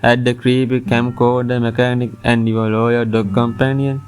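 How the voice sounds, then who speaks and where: Man narrating a top ten countdown, even pitch. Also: normal speed, clear, resonant tone. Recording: music under the voice.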